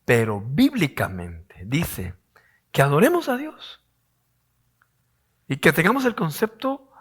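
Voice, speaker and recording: A man preaching a sermon as pastor, his voice hoarse, asking rhetorical questions and acting out quoted voices. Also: a little high, wildly swooping pitch, slow pace, fairly bright tone.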